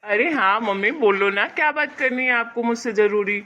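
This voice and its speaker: Woman doing a gentle young son. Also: fairly high pitch, normal speed, muffled recording, slight background noise. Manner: gentle, reassuring. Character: young adult son, patient and respectful.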